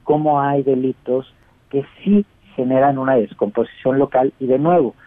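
A man's voice: medium pitch, steady tone, normal speed, no echo. A man with a Mexican accent, an expert guest giving analysis in a news interview. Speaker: expert guest, director of a civic observatory. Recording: dull, dry phone-like radio link.

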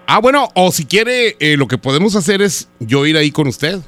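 Teasing Mexican man with a lively high voice. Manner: teasing, flirty, drawn-out. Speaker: radio host. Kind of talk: prank phone call.

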